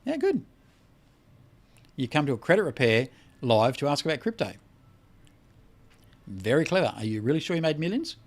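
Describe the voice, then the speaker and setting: A man's voice: a little high, sing-song, normal speed, long pauses. A tired Australian man hosting a casual credit repair livestream, reading out chat comments and answering bluntly with a lot of swearing. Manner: blunt and profane, swears freely.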